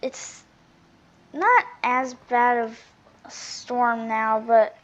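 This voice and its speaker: A woman with a fairly high voice talks her way through a game in casual running commentary. She often seems to address herself, moving between muttered asides and louder outbursts. The microphone sounds slightly dull and lo-fi. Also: very slow. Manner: chatty running commentary, often talking to self; volume swings from muttering to loud exclamations.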